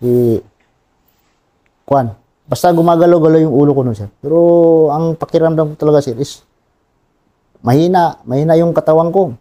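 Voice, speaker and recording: Soft-spoken Filipino soldier, very dark tone. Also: male voice, fairly high pitch. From Philippines. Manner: plain and halting, often adds a polite "sir". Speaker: wounded soldier, interview guest. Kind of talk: personal war story in an interview.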